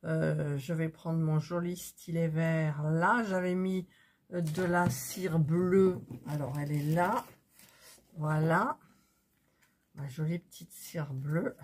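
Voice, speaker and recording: Chatty low-voiced woman crafting at her desk. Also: steady tone, takes it slowly, darkish tone. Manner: chatty, self-interrupting, easily flustered. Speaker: craft channel host. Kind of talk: casual chat while crafting. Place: home desk.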